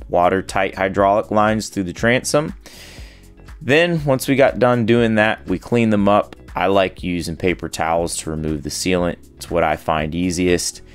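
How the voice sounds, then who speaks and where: A man in his thirties giving a steady, step-by-step voice-over on a boat installation. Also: low voice. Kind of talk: voice-over how-to narration. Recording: faint music underneath.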